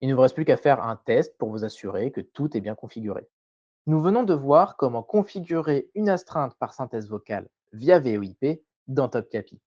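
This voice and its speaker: A man presenting a scripted tutorial voice-over in a measured, didactic way, carefully enunciated. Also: medium pitch, expressive, a little mellow, dry recording, lo-fi sound.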